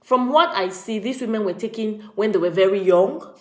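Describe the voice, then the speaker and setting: A woman's voice: mid-range voice, normal speed, echoey room. A woman from Cameroon, chatting on a live vlog stream and greeting viewers by name. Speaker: vlogger. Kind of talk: casual live-stream commentary.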